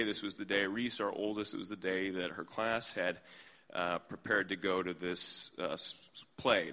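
A middle-aged man delivers a sermon with a bright, forceful edge and a voice sitting a little low. He talks conversationally and with humor, drifting into everyday stories. A long reverb from the hall trails behind his words. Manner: conversational, humorous, animated when telling stories. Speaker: pastor. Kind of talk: sermon with storytelling. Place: church in New York.

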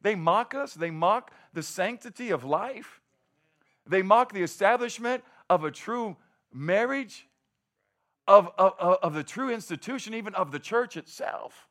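A man preaching a sermon, telling a story in a conversational, mocking way, shouting at the peaks and dropping to quiet asides, often laughing. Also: high voice, animated, a little slow.

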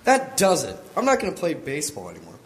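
A man's voice: on the high side, wildly swooping pitch, fast, low-quality recording. A man playing a cheeky, teasing teenage grandson in an amateur church skit. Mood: sulky. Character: cheeky teenage grandson who teases his sister.

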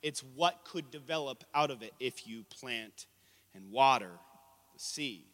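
A man preaching a sermon, animated and asking the congregation questions as he tells a family story. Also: medium pitch, measured pace. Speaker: pastor.

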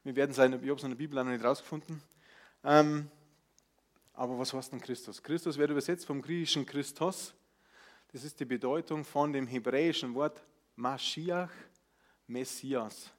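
A man's voice: medium pitch, steady tone, normal speed. A man preaching a Christmas sermon in a teaching, informal way, putting questions to his congregation. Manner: plain, informal wording with fillers.

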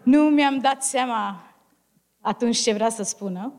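A woman's voice: on the high side, moderate pace, darkish tone. Woman giving testimony in short phrases. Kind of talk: personal testimony with pauses for an interpreter.

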